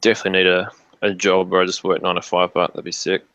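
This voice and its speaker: A man's voice: low voice, level tone, fast talker, fairly bright tone, smooth. A man chatting casually in sweary, laid-back slang. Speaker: livestream co-host. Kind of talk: casual chat. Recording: muffled lo-fi mic, roomy echo.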